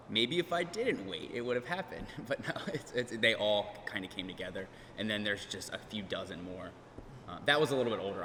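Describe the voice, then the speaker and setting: A podcast host with a low, pushed and bright voice chats casually on a panel in a large conference hall, sounding talkative and self-deprecating. The recording carries hall reverb and faint room noise.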